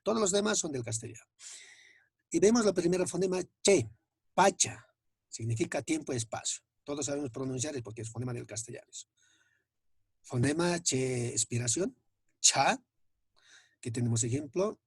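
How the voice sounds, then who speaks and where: A man teaching a phonetics lesson, patient and repetitive, often checking in with a quick question as he goes through examples. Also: on the high side, a little mellow, breathy edge, no echo, studio quality.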